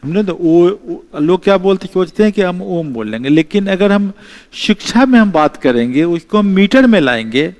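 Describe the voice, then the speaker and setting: A man's voice: sits high, sing-song. Man teaching, repeating key terms. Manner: explains slowly, repeats key terms, mixes English phrases. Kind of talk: exam-prep history lecture.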